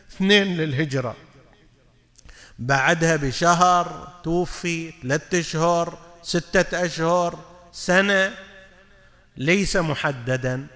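Man, preacher, bright tense voice, long hall reverb. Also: fairly high pitch. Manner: mixes formal Arabic with colloquial asides, asks listeners questions. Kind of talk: religious lecture.

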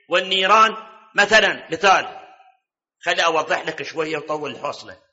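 A man's voice: high-pitched, sharp tone. A man preaching a sermon, quizzing his listeners and quoting scripture. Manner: quizzes the audience, quotes scripture. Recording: dull lo-fi recording.

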